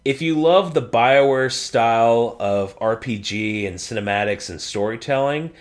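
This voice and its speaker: A man co-hosting a casual gaming podcast, excitable, swearing freely and laughing often. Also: mid-range voice, unhurried. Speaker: podcast co-host.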